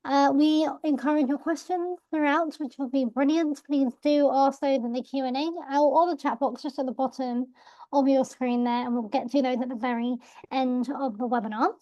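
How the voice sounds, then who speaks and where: A woman's voice: high-pitched, fairly even intonation, normal speed, dark tone, no room sound. A woman hosting a webinar, welcoming the audience in an upbeat way with a few fillers. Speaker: webinar host. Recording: dry, slightly dull video-call audio.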